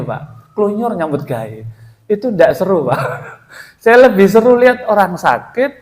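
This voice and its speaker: Slow, folksy Javanese-accented male preacher. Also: on the high side, a little mellow. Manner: folksy, keeps addressing listeners as sir. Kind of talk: conversational sermon. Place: mosque. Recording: echoey hall reverb.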